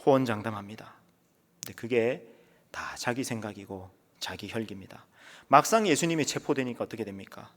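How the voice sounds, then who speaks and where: A man's voice: on the low side, fairly quick, fairly bright tone. A male pastor preaching a sermon in dramatic storytelling fashion, often letting phrases trail off to a whisper. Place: church sanctuary. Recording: long church reverb.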